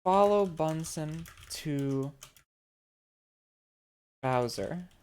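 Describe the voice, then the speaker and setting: A woman streamer with a lowish voice reads out the moves she types into a text adventure game. She speaks slowly and bluntly, but her pitch swings widely from line to line. Keyboard typing clicks along behind her. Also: clear, resonant tone. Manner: blunt and deadpan, with bursts of laughter. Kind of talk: reading her typed game commands aloud.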